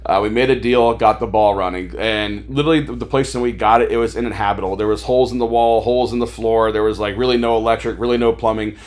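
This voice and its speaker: A man's voice: on the low side, quick pace, hardly any pauses. Casual rambling man telling his story. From Maryland, USA. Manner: rambling, animated retelling with filler words. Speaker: podcast guest, toy store owner.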